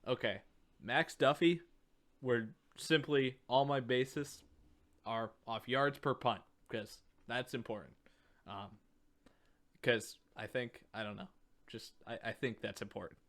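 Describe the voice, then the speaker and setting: A man's voice: mid-range voice, slow, fairly bright tone. Man, young adult, mid-range voice, casual sports podcast chat, joking and teasing. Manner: joking, laughs between remarks. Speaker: podcast co-host.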